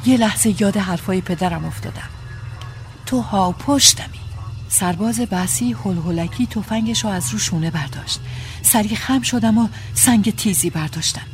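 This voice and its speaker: A woman's voice: mid-range voice, a little mellow, soft background music. A woman reading a first-person story aloud in a dramatic, tense storytelling manner. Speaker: audiobook narrator.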